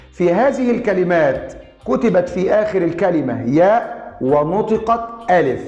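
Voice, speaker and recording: A male teacher with an Egyptian accent walks through word syllables patiently, slowing to sound them out one by one. His voice sits slightly high and rings in a roomy space. Soft music plays faintly underneath. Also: muffled recording. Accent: Egyptian Arabic. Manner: explains step by step, spelling out syllables slowly. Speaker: Arabic grammar teacher. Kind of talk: online lesson.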